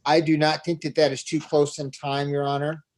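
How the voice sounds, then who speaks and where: A man's voice: fairly high pitch, level tone, normal speed, a little mellow. A man working as an attorney, arguing formally and deferentially before a judge in court. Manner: formal and deferential, repeating "Your Honor". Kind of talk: courtroom argument.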